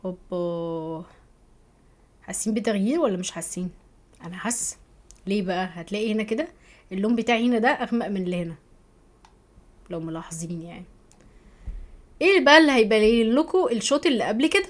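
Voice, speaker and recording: An Egyptian woman teaching a software course over a screen recording, chatty, often checking in with her viewers. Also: medium pitch, lively intonation, fast talker, pauses often. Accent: Egyptian Arabic. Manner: chatty, keeps asking "تمام؟", thinks aloud while clicking.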